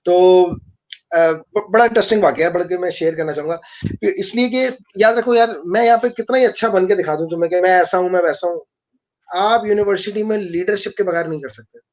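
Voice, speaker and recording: A man from Pakistan, an engineering professor telling a story fast and rambling, with many restarts, in a live online interview. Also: sits high. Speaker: engineering professor and lab director.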